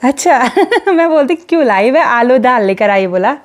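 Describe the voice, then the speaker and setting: Animated and high-pitched, a young Uttarakhand vlogger narrates at a moderate pace while filming her Indian hill village outdoors on her phone. She's cheerful and talkative, teasing neighbours, in a dry recording.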